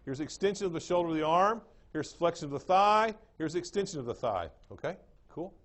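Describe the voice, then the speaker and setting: A man's voice: a little high, animated, a little fast, fairly bright tone. Drawling East Texas man lecturing. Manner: drawling, repeats terms, checks understanding with the class. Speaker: anatomy lecturer. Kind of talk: classroom lecture. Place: lecture room.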